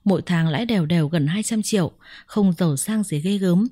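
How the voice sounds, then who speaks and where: A woman narrates a first-person story in a measured, reflective way. Her voice sits on the low side and sounds mellow. The recording is close and dry, with no room sound. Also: no echo.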